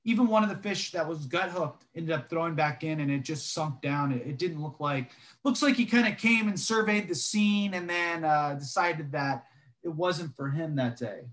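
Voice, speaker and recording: A young man co-hosting a podcast over a video call, telling fishing stories in a relaxed way with many fillers. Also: on the high side, normal speed. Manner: relaxed storytelling with frequent fillers. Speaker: podcast co-host. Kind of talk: casual chat.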